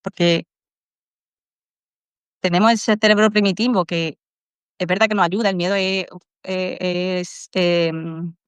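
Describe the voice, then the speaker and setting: A woman's voice: on the low side, steady tone, slow pace, long pauses, clear, resonant tone, no echo. A woman with an Andalusian accent, a podcast guest talking in an earnest, reflective way and sometimes acting out her inner dialogue. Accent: Andalusian Spanish. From Málaga, Spain. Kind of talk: casual interview chat.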